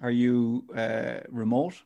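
A man's voice: mid-range voice, flat delivery, slow pace, creaky, warm tone, highs cut off. A man hosting a casual podcast interview, informal and rambling as he thinks aloud.

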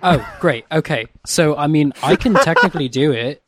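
A man's voice: fairly high pitch, expressive, moderate pace, background noise. A man playing a tabletop game, often stammering and repeating words. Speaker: player.

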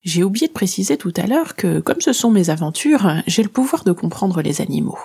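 A woman narrating a children's adventure in the first person, reading in a lively, expressive way. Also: fairly low pitch, a little fast, gravelly, slightly rough. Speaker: storyteller.

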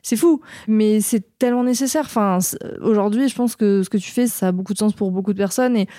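Fast-talking Frenchwoman hosting, mellow tone. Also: mid-range voice, dry recording, clean studio sound. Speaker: podcast host. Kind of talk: casual podcast conversation.

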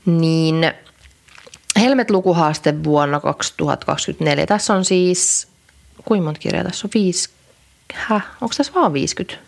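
A young adult woman with a low, gravelly voice and lively intonation co-hosts a podcast. She chats casually and rambles, full of fillers and restarts.

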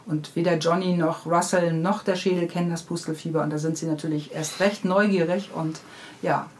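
With plenty of background noise around her, a woman explains her children's books in depth during an easygoing interview. She is their author, and she speaks in a low voice with a darkish tone.

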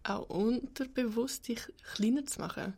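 A woman interviewer with a breathy, slightly husky voice asks soft, slow follow-up questions. She sounds restrained as she probes. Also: a little high.

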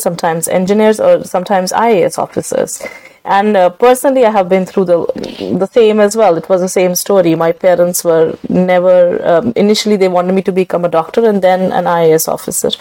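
A woman's voice: fairly low pitch, dark tone, no room sound, poor audio. A woman from Kashmir with a Kashmiri accent, answering interview questions in an emphatic, explanatory conversational way. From Srinagar, Kashmir. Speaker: guest researcher being interviewed.

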